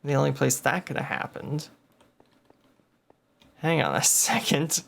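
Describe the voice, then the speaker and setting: A man's voice: a little high, expressive, unhurried, vocal fry, a bit bright. A man hosting a gameplay video, thinking aloud and muttering numbers as he plays. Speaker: game video host. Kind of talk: casual gameplay commentary.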